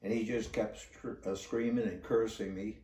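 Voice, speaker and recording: An older man, a former police officer, telling a story in a halting, plainspoken way. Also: on the low side, fairly even intonation, dark tone. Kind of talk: casual spoken storytelling. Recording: roomy echo, distant from the mic.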